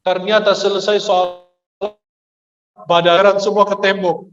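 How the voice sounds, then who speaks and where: Guy preaching in a funny storytelling way, really high voice, dull lo-fi sound. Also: slow pace, echoey room. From Egypt. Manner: lively storyteller who acts out the people in his stories. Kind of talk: humorous Ramadan sermon with anecdotes. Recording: dull lo-fi recording.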